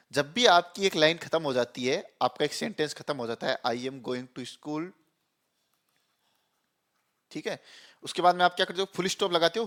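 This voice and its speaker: A young man explains programming step by step, in a voice pitched a little high. He keeps things conversational, tossing out questions and answering them himself. He fills the gaps with easy check-ins as he types. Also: fairly bright tone. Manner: chatty, repeats "theek hai" and "chalo"; asks and answers his own questions. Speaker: programming teacher. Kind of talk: screen-recorded coding lesson.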